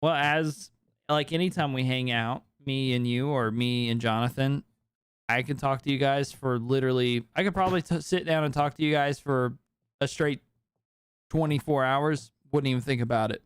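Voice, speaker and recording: A tired young man hosts a late-night podcast chat, rambling candidly and cursing often. His voice is smooth and crisp, recorded close and dry with no room sound. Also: mid-range voice, moderate pace, no echo. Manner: rambling, candid, swears freely. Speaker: podcast host.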